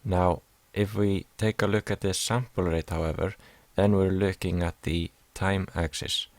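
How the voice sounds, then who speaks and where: A man's voice: deep voice, steady tone, unhurried, no echo. A young man from Iceland, hesitantly explaining a class assignment over slides, with many fillers. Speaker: music production student.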